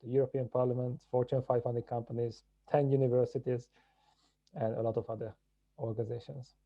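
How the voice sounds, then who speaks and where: A man from Hungary, a podcast guest telling his story in a measured, reflective way. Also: medium pitch, little pitch movement, highs cut off. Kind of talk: podcast interview.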